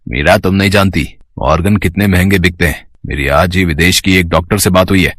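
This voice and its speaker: A man's voice: deep voice, fairly quick, a bit bright, no echo. A man voicing a greedy, manipulative male doctor in a storybook drama, coaxing and cold. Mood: scheming.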